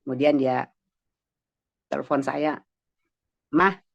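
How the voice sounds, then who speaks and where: Gravelly-voiced woman giving devotional testimony. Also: sits low, normal speed, no room sound, highs cut off. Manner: earnest, addresses listeners directly. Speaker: devotional speaker. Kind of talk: morning devotion with personal testimony.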